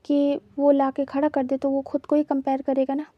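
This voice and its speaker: A woman voicing a caring middle-aged mother who gently scolds and fusses. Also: high voice, completely flat delivery, moderate pace, no echo, lo-fi sound, natural voice. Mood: fussing. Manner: fussing, reproachful. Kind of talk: dramatized story reading.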